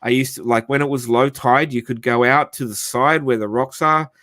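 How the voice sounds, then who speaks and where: A man's voice: mid-range voice, steady tone, moderate pace, pushed and bright, no room sound. A man hosting a casual chat, rambling with lots of fillers and restarts, swearing freely as he reads out facts. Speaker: podcast host.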